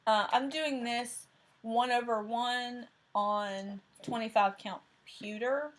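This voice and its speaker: Her voice leans high, with fairly even intonation, and she takes her time. Chatting casually about cross-stitch projects on her crafting vlog, this Tennessee woman with a thick Southern accent rambles, sprinkling in fillers and correcting herself often.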